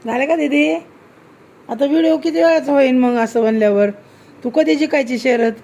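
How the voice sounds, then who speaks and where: A woman's voice: high-pitched, brisk, a little mellow. A woman, casually chatting and teasing her daughter during a meal at home. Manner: teasing, coaxing, laughing often. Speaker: vlogger filming her daughter. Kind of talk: casual family chat.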